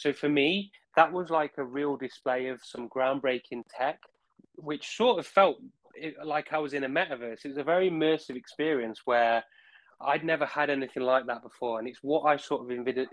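A man's voice: medium pitch, no echo, low-quality recording. Rambling male podcast guest, dry close recording. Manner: rambling, searching for words, repeats phrases. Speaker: podcast guest, project representative. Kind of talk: casual conversational recounting.

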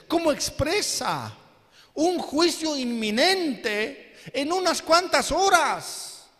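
A male pastor preaches and keeps checking with his listeners, asking again and again whether they follow him. His voice is strikingly high for a man. A long hall reverb hangs on his words. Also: fairly bright tone. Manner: asks the congregation questions again and again. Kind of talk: sermon.

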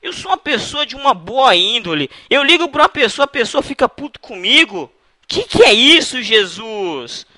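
A man's voice: extremely high pitch, very animated, moderate pace, bright, forceful tone, dry recording. A man making a prank phone call, teasing the person on the line in a playful, mock-innocent way. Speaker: prank caller.

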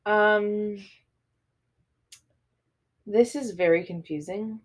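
A woman's voice: mid-range voice, drawn-out words. Young woman, reads questions aloud, casual chat, dry teasing. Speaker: co-host reading questions.

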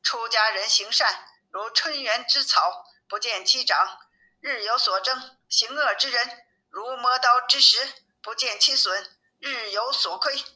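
A stern male monk master who lectures in proverbs and scolds his disciple, as a woman reads him. The voice is bright, often dropping to a quieter, reproachful tone. It is a storybook reading. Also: a little high, unhurried, pitched above the performer's own voice, low-quality recording. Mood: scolding.

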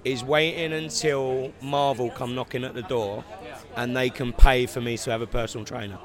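A man from London speaks with an English accent at an ordinary middle pitch. He answers questions in a relaxed way with dry humor during an outdoor red-carpet chat. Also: moderate pace, a crowd in the background. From London, England. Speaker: actor, guest. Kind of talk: casual interview chat.

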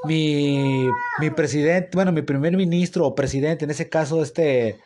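His voice is fairly high but somewhat dark, and he speaks a little slowly. He's a man in his thirties with a Mexican accent who hosts a casual, slangy, restart-filled podcast chat in a noisy home recording.

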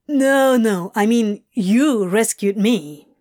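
A woman voicing a sleepy, grumbling male demon who talks in a slow, drowsy drawl. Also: fairly high pitch, dark tone.

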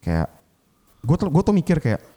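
A man in casual conversation, telling a lively story about his work as a chef and mixing English phrases into his speech. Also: a little high, normal speed. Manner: animated, mixes English into speech. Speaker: chef guest.

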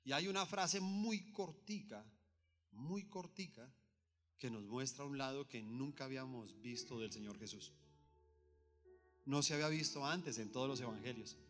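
Male preacher, bright and slightly high, chatty rhetorical sermon, reverberant hall, faint music. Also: moderate pace. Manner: conversational, asks listeners rhetorical questions.

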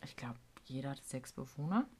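A woman co-hosting a casual podcast, telling a work story with animated, slangy delivery and acted-out quotes. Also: a bass voice, a little fast, slightly rough. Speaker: podcast co-host, care worker.

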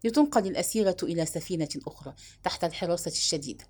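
A woman's voice: on the low side, very fast, a little mellow, husky. A woman reading the part of a proud young king, lovesick and stung, who answers with stern, scornful retorts. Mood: angry.

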